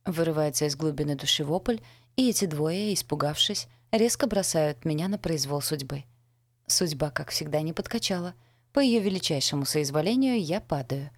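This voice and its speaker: A woman's voice: sits low, lively intonation, moderate pace, no echo. A woman reading a first-person novel aloud as an audiobook narrator, with a wry, ironic storytelling manner on a close mic.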